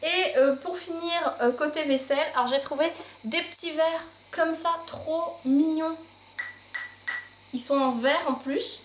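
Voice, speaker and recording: A woman's voice: sits high, a little slow. Chatty woman in a roomy room. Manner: chatty and gushing, full of fillers. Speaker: vlogger showing her shopping haul. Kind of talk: casual haul vlog. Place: room at home with windows open. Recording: roomy home room, faint insect noise. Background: insects outside.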